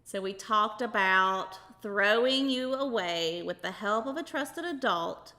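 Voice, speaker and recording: A woman's voice: medium pitch, expressive, measured pace, pushed and bright. A woman hosting a children's show, teaching in a sing-song, encouraging way as she talks to kids and a puppet. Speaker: kids' show host.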